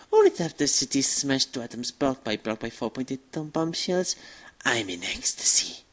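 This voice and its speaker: A woman plays a war-loving vampire commander with a low, husky voice. The delivery is grandiose and savoring, swinging widely in pitch like a fanatical orator rallying troops. It is a theatrical anime villain monologue, full of relish. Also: heavily acted. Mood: ecstatic, savoring. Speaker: fan dub performer.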